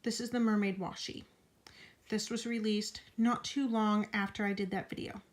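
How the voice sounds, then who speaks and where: This is a woman recording a casual update vlog from her bed at home. She is out of breath, her voice sits at an ordinary middle pitch, and she now and then slips into a breathy whisper. She talks frankly, with an indignant edge. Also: level tone, moderate pace. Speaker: vlogger.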